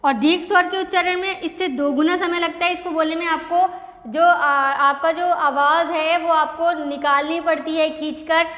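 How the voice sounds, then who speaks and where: A woman's voice: very high-pitched, fairly even intonation, normal speed, a bit bright. A woman teacher giving a patient classroom lesson, asking the class questions and repeating the answers. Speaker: school teacher. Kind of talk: classroom lesson on vowels, dictating slowly. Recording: echoey classroom with long reverb.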